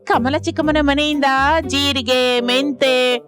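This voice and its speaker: A woman voicing a sly, sharp-tongued young wife in an animated village story. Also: sits high, slow pace. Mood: scheming. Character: sly scheming young wife who steals.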